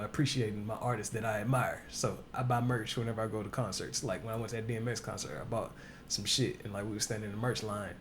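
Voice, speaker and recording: A man co-hosting a podcast in casual chat, telling stories slowly and often saying "you know what I'm saying". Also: fairly low pitch, a little hiss or hum. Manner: laid-back storyteller, says "you know what I'm saying" a lot. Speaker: podcast co-host.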